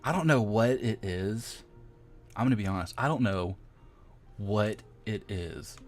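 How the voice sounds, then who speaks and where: A man with a lowish voice speaks unhurriedly, with faint music behind him, as he live-streams his game modding. His commentary is casual, rambling, and self-deprecating: he thinks out loud, mutters small sound effects, and teases himself over his mistakes.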